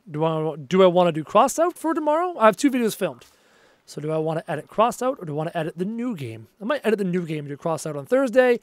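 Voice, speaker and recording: A high-voiced man casually chats through a live game stream at his home desk, reading viewer messages and getting excited over them. His voice is giving out and he's low on energy. The sound is dry and close, with no room sound.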